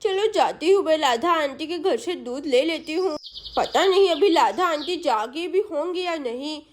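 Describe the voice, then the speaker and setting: A woman voicing a frightened young village schoolgirl who pleads and panics in a shrill voice. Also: animated, a little slow, slight background noise.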